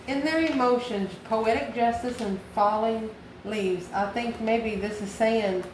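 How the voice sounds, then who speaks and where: Here a woman from the United States, a channel host who reads tarot, muses through an intuitive reading for the viewer using short, repeated phrases and questions. Her voice sits on the high side and moves at a measured pace. Echo and clear background noise fill the room.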